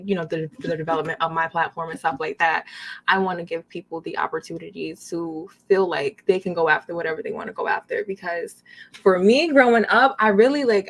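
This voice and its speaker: A woman with a Brooklyn accent chatting casually and expressively as an upbeat interview guest. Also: lowish voice. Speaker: podcast guest, anime content creator.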